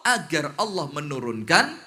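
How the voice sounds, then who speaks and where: A brash, unmannered Bedouin villager, as a preacher puts him on, with a Javanese lilt. His voice sits high for a man and rings bright and edgy. He barges in with his demands. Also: sing-song, moderate pace, full character voice. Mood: grumbling pleading. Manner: blunt, loud, unmannered demanding. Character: blunt, pushy male desert Bedouin villager.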